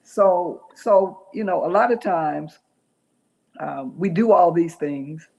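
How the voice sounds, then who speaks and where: A woman hosting an interview, speaking haltingly with many fillers and restarts. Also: fairly low pitch, gravelly, mellow. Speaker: interview host. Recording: dull lo-fi sound.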